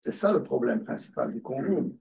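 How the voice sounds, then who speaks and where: A man's voice: mid-range voice, expressive, brisk, creaky, warm tone, dull audio. A man on a panel, making blunt, short remarks. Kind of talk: panel discussion.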